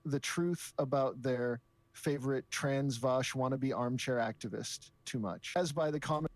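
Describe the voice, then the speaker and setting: A man's voice: medium pitch, measured pace. A man narrating an online video in a mocking, scornful tone.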